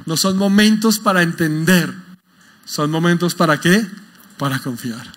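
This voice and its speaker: High-voiced man preaching a sermon. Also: unhurried. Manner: asks the congregation questions, emphatic. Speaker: pastor.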